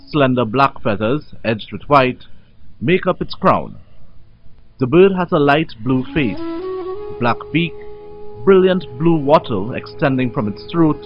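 A man's voice: mid-range voice, muffled recording. A man reading scripted narration for a nature documentary. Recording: dulled sound under prominent music. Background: music.

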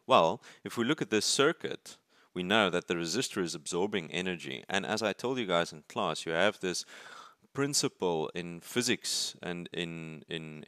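Low-voiced male lecturer explaining circuits. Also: a bit bright, dry recording, clean studio sound. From South Africa. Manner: thinks aloud, restarts words, asks "right?". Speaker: university lecturer. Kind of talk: explaining while drawing circuits. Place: at a desk, filming paper from above.

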